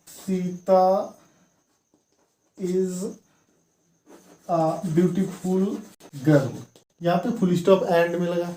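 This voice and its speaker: Guy teaching punctuation, repeats stuff a lot, warm low-key tone, roomy echo. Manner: explanatory, repeats key words. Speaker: English grammar teacher. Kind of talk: classroom lesson explanation. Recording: echoey room.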